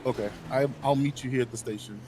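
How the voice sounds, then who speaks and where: A young man in a game role-play, speaking as a sheriff's deputy at a middle pitch. He stumbles through his sentences with plenty of ums and likes. Clear game noise and traffic sound behind him. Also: fairly even intonation, quick pace. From Baltimore. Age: young adult. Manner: hesitant, full of ums and likes.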